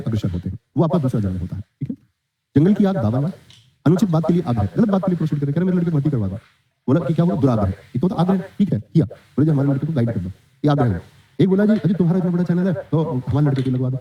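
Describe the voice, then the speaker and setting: Man teaching an exam-prep class, very fast speech, asks and answers his own questions, muffled lo-fi sound. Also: on the high side. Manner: quizzing, answers his own questions, reads student comments. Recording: dull lo-fi sound.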